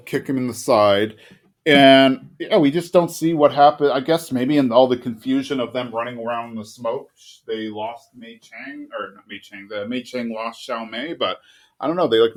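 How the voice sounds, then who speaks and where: A man's voice: mid-range voice, moderate pace. A man co-hosting a podcast, talking casually about an anime episode in an easygoing, hedging way. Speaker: podcast co-host.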